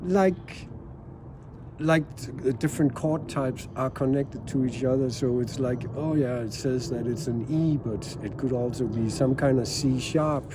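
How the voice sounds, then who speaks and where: A man from Denmark, a jazz musician, speaking softly and haltingly as an interview guest at a house. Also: mid-range voice, background noise. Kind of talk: relaxed interview talk.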